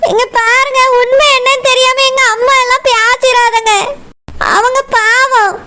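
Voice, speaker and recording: Squeaky crying cartoon wife. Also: female voice, fairly even intonation, fairly quick, pushed and bright. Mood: tearful. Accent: Kanyakumari Tamil. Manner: crying and pleading, defending her mother. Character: tearful young wife, pleading and hurt. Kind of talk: cartoon voice acting.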